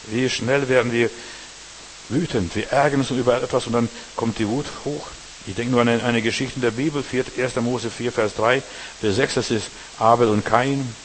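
A man preaching a sermon, emphatic, speaking straight to the congregation and swinging between loud stresses and quiet asides. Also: medium pitch, slight background noise, rough recording. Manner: emphatic, talks straight to the congregation with repeated tag questions.

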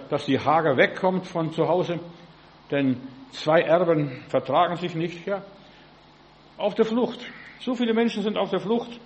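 Man, sermon, high voice, questions to the listeners, faint room hum. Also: low-quality recording. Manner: frequent "ja" fillers, direct questions to listeners; acts out biblical voices in quotes. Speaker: preacher.

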